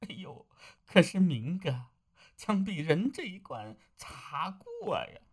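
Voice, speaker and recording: A woman's voice: fairly low pitch, huge pitch swings, takes it slowly, breathy edge, exaggerated voice. A woman voicing a timid young village man who stammers nervously and frightens easily. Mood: worried.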